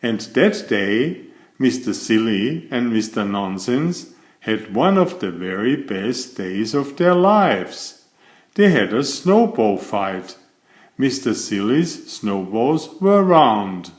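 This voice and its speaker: Reading a children's bedtime story aloud, a man takes it slowly and expressively, his mid-range voice swinging widely in pitch. As the storybook reader, he puts questions to the listener.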